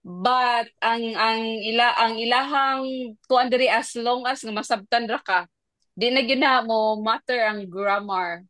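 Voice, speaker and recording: Animated Filipino woman teacher. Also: a little high, unhurried, dry recording. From Philippines. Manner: animated storytelling, acting out classroom exchanges with laughs. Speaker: teacher sharing her experience. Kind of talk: casual podcast chat.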